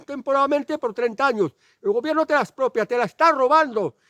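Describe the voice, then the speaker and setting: A man's voice: very high voice, fairly bright tone, dry recording. A man from Spain with a Spanish accent, delivering an indignant, emphatic opinion monologue as a channel host.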